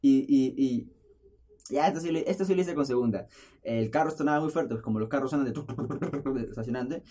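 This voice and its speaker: A man's voice: medium pitch, fairly quick. A young man hosting his own show, telling stories in a jokey, self-mocking monologue to a camera in his bedroom. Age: young adult. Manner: jokey, self-mocking, lively storytelling with laughs. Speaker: podcast host. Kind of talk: casual rambling monologue. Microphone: camera's built-in mic, close up.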